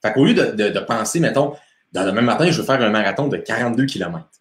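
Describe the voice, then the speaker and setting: Lively Quebec French man, echoey room. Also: lowish voice, quick pace. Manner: chatty, greets viewers by name, laughs easily. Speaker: motivation coach hosting a live stream. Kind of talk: casual live-stream chat.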